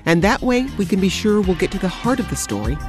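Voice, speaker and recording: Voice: medium pitch, very animated, fast talker, music in the background. Polished radio promo announcer. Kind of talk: station promo read.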